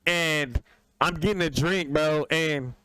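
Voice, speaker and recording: A young man co-hosting a podcast, telling a story in a casual, slangy, animated way. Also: on the high side, takes it slowly, a little hiss or hum. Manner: animated, slangy, voice jumps up when excited. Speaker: podcast co-host.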